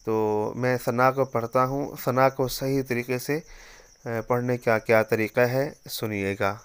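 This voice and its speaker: A man's voice: medium pitch, steady tone, smooth. A man giving an earnest religious lesson on prayer, asking his listeners question after question. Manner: earnest, repeats rhetorical questions. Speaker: religious teacher.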